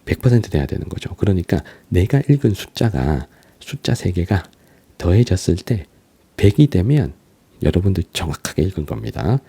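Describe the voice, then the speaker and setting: A man's voice: deep voice, big pitch swings, vocal fry, mellow, breathy edge. A man teaching a geography lecture, walking through an exam graph and asking students questions as he goes. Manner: starts phrases with a drawn-out "ja", asks students questions.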